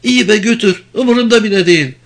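A man voicing a desperate, hostile young woman captive with a thin, trembling voice, shrill and pleading. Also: fast talker. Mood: frantic.

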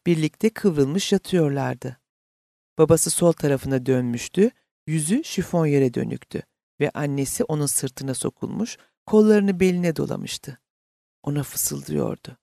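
Gravelly male audiobook narrator. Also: fairly high pitch, dark tone, no room sound, clean studio sound.

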